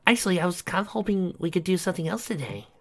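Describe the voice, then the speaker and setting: A man's voice: high-pitched, fast talker, voice pushed up, heavily acted. Twilight Sparkle, a man doing a bubbly young pony mare. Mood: eager. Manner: bright, excited, earnest. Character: eager cheerful young female unicorn pony. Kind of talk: fan fiction audiobook reading.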